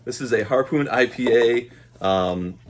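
Speaking at medium pitch and a little slowly, this thirtysomething vlogger and dog owner does a casual, slightly hesitant unboxing chat to camera. The camera's own mic, held at arm's length, records him in a small room at home.

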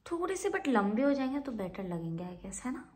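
A woman's voice: a little high, big pitch swings, normal speed, background noise. A young woman vlogging at home into a phone camera, chatting playfully in a mix of Hindi and English and drifting into anxious half-whispered muttering. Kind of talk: casual self-filmed vlog. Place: home room.

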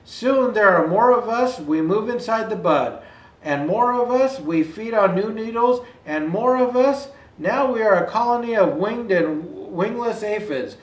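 An older man acting as Santa reads a children's picture book aloud in a high-pitched, unhurried voice with lively intonation, speaking to viewers in occasional asides. The recording carries a roomy indoor echo.

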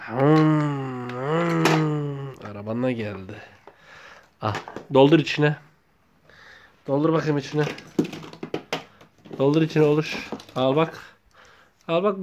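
A man's voice: on the high side, highs cut off, noisy background. A man playing with his small child, coaxing and repeating words over and over. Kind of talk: playful home video chat with a child.

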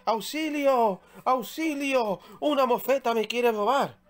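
A man doing a shrill, haughty rich lady. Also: animated, brisk, faint music behind. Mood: panicked. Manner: high, scolding, then shrieking for help.

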